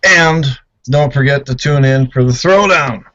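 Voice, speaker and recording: A man co-hosting a casual group podcast, playful and quick to laugh. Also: medium pitch, fairly bright tone. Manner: playful, laughing, self-promoting. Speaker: podcast co-host. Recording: muffled lo-fi online call.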